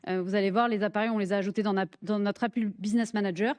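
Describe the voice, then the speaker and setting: A woman's voice: mid-range voice, steady tone, very fast, a little mellow. A woman with a French accent presenting a live hands-on workshop in a conference room, friendly and joking, with many fillers and restarts.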